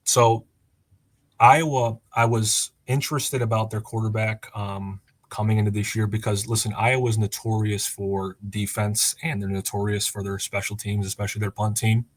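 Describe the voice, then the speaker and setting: A man's voice: on the low side, little pitch movement, normal speed, dry recording. A man of thirty, a former quarterback, chatting casually as a podcast guest with many fillers and restarts. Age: 30s.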